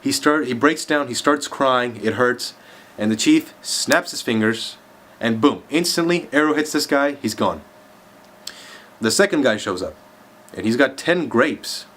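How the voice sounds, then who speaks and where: A man's voice: medium pitch, lively intonation, unhurried, fairly bright tone. A man telling a long joke to his viewers in a chatty, rambling way with lots of fillers. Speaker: vlogger. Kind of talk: casual joke-telling vlog.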